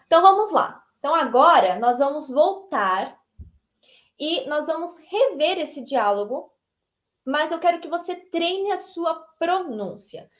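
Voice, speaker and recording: A woman with a Brazilian accent teaches an online English lesson in a lively, chatty way, often ending her points with a short tag question. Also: high voice, a little slow. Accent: Brazilian Portuguese.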